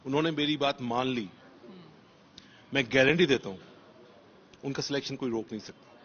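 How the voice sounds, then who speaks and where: A man's voice: medium pitch, moderate pace, fairly bright tone, highs cut off. A man, a police officer, answering interview questions in an emphatic motivational way and repeating key phrases for stress.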